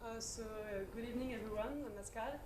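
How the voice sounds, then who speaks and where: A woman's voice: a little high, steady tone, fast talker. Young woman, echoey noisy sound. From Paris, France. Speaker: panel guest, law student. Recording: echoey with loud background noise.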